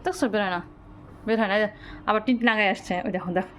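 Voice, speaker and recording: A woman filming her pets at home at night, coaxing and scolding them in a lively, affectionate way. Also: mid-range voice, rapid-fire, a little hiss or hum. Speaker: pet vlogger. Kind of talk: casual vlog narration.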